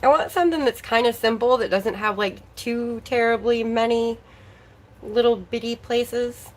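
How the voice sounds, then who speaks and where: A woman's voice: on the high side, normal speed, low-quality recording. A woman hosting a casual livestream, chatting and greeting viewers by name while her voice is slightly worn. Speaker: livestream host.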